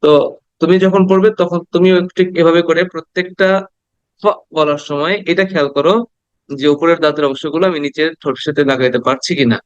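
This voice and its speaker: A man teaching English pronunciation to children in a slow, patient classroom style, repeating each sound many times. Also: fairly high pitch, steady tone, smooth, no echo. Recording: dull lo-fi recording, dry.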